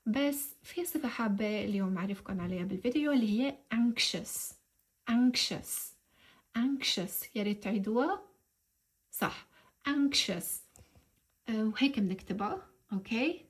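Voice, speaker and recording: A woman with a Levantine Arabic accent teaching English vocabulary. She says the English slowly and carefully, explains more quickly in Arabic, and repeats words for learners to echo. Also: medium pitch, a little mellow. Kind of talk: bilingual language lesson.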